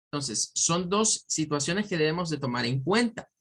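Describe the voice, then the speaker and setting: A man's voice: a little high, animated, moderate pace, a bit bright, breathy edge. A man teaching an English pronunciation class, explaining patiently and often checking in with his students. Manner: explanatory, checks in with frequent tag questions. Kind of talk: online class lecture.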